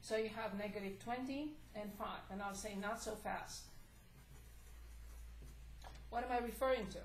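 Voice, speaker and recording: A woman teaching a math class, hoarse and coughing, asking the class questions at a slow pace. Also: a little high. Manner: slow, deliberate, prompting questions. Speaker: math instructor. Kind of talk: classroom lecture. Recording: echoey classroom, faint noise.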